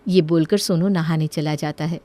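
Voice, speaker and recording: A woman narrating an animated moral story in a calm storytelling manner. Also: low-pitched, moderate pace, no room sound.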